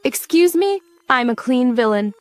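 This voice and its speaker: A woman's voice: medium pitch, sing-song, normal speed, no echo, soft background music. A woman voicing a theatrical, sarcastic young male villain in a comic recap, speaking in a mock-polite, dramatic way. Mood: indignant whining.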